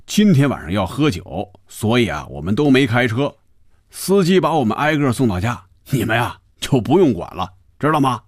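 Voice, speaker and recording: A man's voice: medium pitch, very animated, no room sound, pitched above the performer's own voice. A jovial middle-aged company boss, as a male narrator puts him on for a radio audiobook. He talks in a hearty, chummy way, his voice bouncing up and down. Dry, close sound. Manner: hearty, chummy, drawn-out exclamations.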